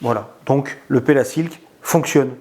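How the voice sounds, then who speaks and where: A man giving a casual spoken product review, hesitant, with many pauses and filler sounds. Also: mid-range voice, mellow, slight background noise. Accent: non-native in English words.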